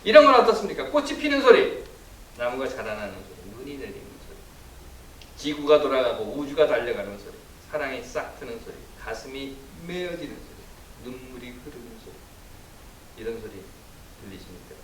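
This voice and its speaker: A man, a pastor giving a Sunday sermon, telling stories and acting out quoted voices with sudden jumps in pitch and loudness. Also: sing-song, fairly quick. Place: church sanctuary. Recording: roomy echo from a distant mic, faint hiss.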